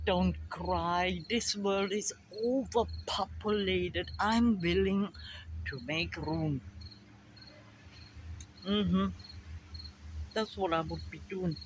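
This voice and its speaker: Speaking into a phone held at arm's length beside a backyard fence, this older German-accented vlogger rambles slowly through thoughts on memory and family, wandering from one idea to the next. Her voice is on the low side. Crickets and insects fill a noisy background.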